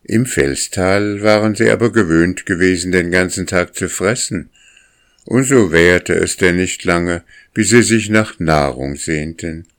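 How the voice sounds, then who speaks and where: A man narrating a children's storybook in a calm, measured reading. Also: sits low.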